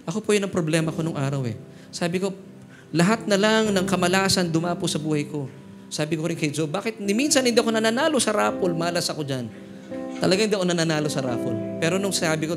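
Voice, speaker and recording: A middle-aged Filipino man preaching a church sermon, telling funny stories as he switches between Tagalog and English. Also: fairly high pitch. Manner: humorous storytelling, mixing Tagalog and English. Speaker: pastor. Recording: music playing behind the voice. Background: guitar music.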